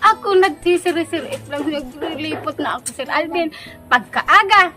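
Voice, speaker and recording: A woman, casually telling a personal story to a host, animated and laughing often. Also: sits high, normal speed. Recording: background music under the voice. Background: music.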